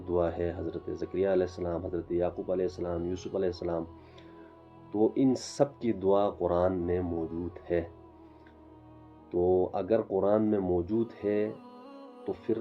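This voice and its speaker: Man, low and level, self-taught religious lecturer, halting with fillers, dull lo-fi audio, faint music under. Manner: halting, with frequent fillers and restarts. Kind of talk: informal religious lecture vlog.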